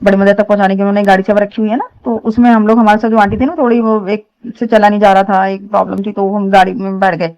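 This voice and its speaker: A woman's voice: mid-range voice, flat delivery, fast talker, hardly any pauses, darkish tone, low-quality recording. A woman, giving an earnest, rambling devotional testimony to a congregation. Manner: earnest, rambling, many restarts.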